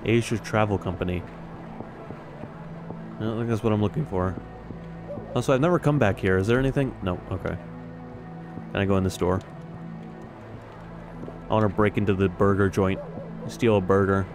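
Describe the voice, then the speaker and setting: Casual male gaming commentator, slightly deep, wry and offhand, game music underneath. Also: normal speed, long pauses. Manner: dry, wry asides. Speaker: game streamer. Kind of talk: casual let's play commentary. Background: clear game music and sounds.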